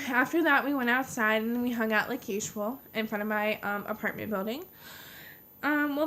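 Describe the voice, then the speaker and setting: Young adult woman, American accent, slightly high voice, casual personal storytime, informal stop-and-start delivery. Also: fairly bright tone, a little hiss or hum. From United States. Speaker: vlogger.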